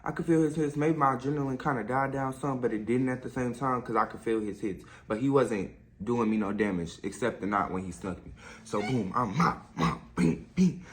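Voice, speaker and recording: A man's voice: medium pitch, steady tone, brisk. A teenage boy vlogging a storytime monologue, casual and slangy, acting out punches with sound effects. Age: teens. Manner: slangy, casual street speech.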